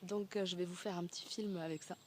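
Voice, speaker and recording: A woman talking to camera outdoors at daybreak in a casual video diary, reflective and halting with many fillers, nursing a sore throat. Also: on the low side, fairly even intonation, a little hiss or hum. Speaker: vlogger walking a pilgrimage route.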